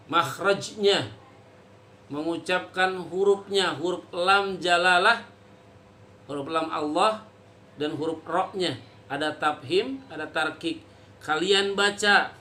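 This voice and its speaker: Male teacher, high and bright, unhurried, jokey with the kids. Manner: casual and joking, drawing out Arabic examples slowly. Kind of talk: recorded Quran reading lesson for children.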